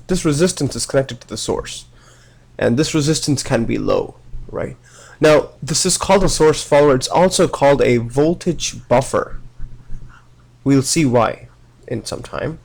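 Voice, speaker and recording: A young man who has a cold gives a casual electronics lecture in a medium-pitched, gravelly, darkish voice. He often checks in with "right?" and restarts his sentences.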